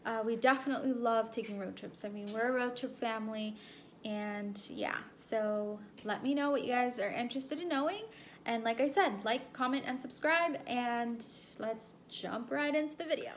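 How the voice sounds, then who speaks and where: A woman's voice: on the high side, moderate pace, a little hiss or hum. A young woman from El Salvador telling a personal story to camera in a casual, rambling way, full of ums and repeats. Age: young adult. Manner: chatty, rambling, many ums and repeated phrases. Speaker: vlogger.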